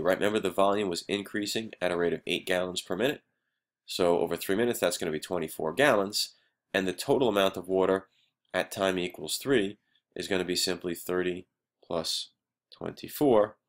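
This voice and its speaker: A male teacher, feeling under the weather, recording a math lesson for his students and explaining each step patiently, often checking in with "right?". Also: low voice.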